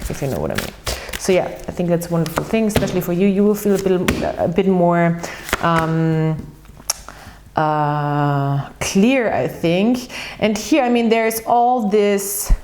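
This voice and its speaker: Speaking with an Austrian German accent, this German-native woman gives a casual monthly astrology reading as a chatty tarot reader, rambling with many ums and restarts. Her voice is on the low side and a little mellow, with a faint hiss or hum.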